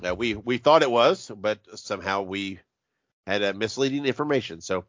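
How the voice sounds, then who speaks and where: A man with a stuffy, congested voice that sounds like he is inside a box, chatting casually and haltingly as a podcast host while sick. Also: fairly low pitch, expressive, a bit bright, no room sound, lo-fi sound. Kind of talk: casual horror movie review podcast chat.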